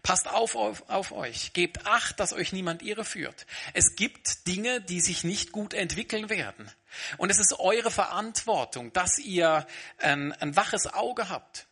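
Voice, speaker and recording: A man delivers a sermon in a bright, forward voice with a husky edge. He talks earnestly and turns straight to his listeners as he explains the text. His voice sits a little higher than most men's. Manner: earnest, addresses congregation directly. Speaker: pastor.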